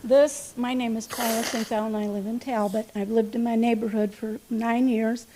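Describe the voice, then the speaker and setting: A woman giving a halting public comment as a resident. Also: on the high side, flat delivery, background noise. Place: indoor public meeting room.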